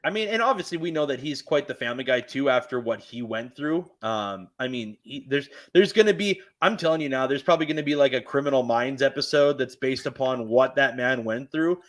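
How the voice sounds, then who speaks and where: A man's voice: medium pitch, expressive, a little fast, few pauses, a bit bright. A man with a Canadian accent hosting a podcast, talking fights in an eager, rambling way. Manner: eager, rambling fan talk. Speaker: podcast host. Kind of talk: casual sports chat.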